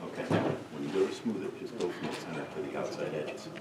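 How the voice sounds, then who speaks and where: A middle-aged man instructing a group in a hands-on demonstration, relaxed and joking as he works. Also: extremely low pitch, fast talker. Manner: relaxed, jokey, talks while working. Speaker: first aid instructor. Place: room with participants. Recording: echoey room, distant mic, noisy.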